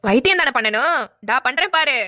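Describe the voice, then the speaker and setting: A woman voices a cartoon grandmother, an old, mischievous character who pretends to faint and comes across as teasing and rustic. She speaks fairly quickly in a high-pitched, expressive, sharp-toned voice.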